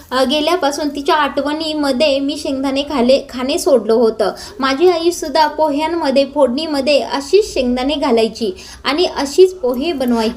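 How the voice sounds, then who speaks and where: A woman's voice: high voice, a little mellow, natural voice. A woman reading a stern young estate owner. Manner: stern, commanding.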